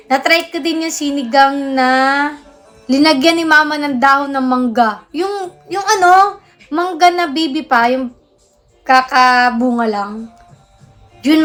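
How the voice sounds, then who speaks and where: A woman's voice: high-pitched, fairly bright tone. A young woman hosting a casual livestream, chatting, answering viewer comments and thanking gifters. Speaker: livestream host.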